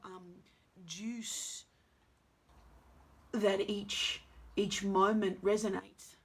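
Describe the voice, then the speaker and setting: A woman actress talking to camera at home in a halting, musing way, full of fillers. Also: medium pitch, vocal fry, husky. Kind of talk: reflective casual monologue.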